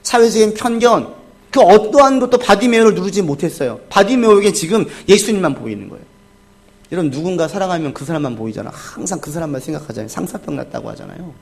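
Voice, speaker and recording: A male pastor giving a Sunday sermon, asking the congregation questions and answering them himself, dropping to quiet asides and rising to loud cries when he acts out the crowd. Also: expressive, fast talker, vocal fry. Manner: swings from soft, low asides to loud, high cries when acting out the crowd and the beggar.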